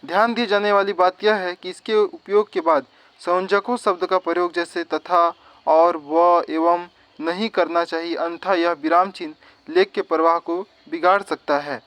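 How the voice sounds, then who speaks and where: A man's voice: high-pitched, steady tone, moderate pace, a bit bright, clear, resonant tone, no room sound. A male teacher gives an exam-prep grammar lesson, explaining step by step and repeating definitions.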